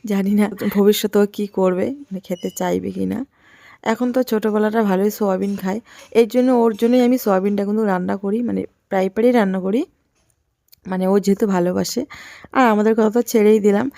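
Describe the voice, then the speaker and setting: A woman's voice: mid-range voice, creaky, mellow, no room sound. A young woman with a Bengali accent, narrating a casual village vlog while she does housework. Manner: chatty, talks to viewers while doing housework. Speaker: village vlogger.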